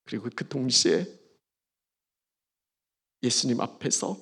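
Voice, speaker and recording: A man preaching a sermon as pastor, emphatic, with dramatic pauses and swings between soft and loud delivery. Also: medium pitch, animated, vocal fry, husky. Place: church service.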